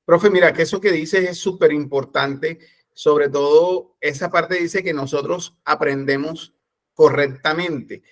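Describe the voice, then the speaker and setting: A man who mentors English teachers, telling stories from experience in a lively, informal way with many restarts. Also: fairly high pitch, a little slow. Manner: animated storytelling with many restarts. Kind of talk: casual talk.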